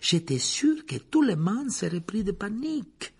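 Lupin, a man voicing a calm, gentle teacher. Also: high voice, breathy edge, voice pushed up, heavily acted. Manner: soft-spoken, measured, sometimes whispered. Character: calm, gentle adult male teacher, thoughtful.

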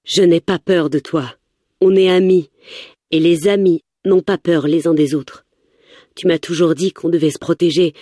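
A woman voicing a trusting young man who speaks with calm sincerity. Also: fairly low pitch, normal speed, no room sound, clean studio sound, natural voice. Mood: earnest.

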